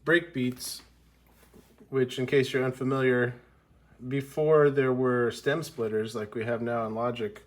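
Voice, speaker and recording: Congested male music teacher, mid-pitched, loose and rambling delivery. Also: fairly even intonation, a little slow. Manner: rambling, self-correcting, with frequent ums. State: congested from a cold. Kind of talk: casual explanatory lesson.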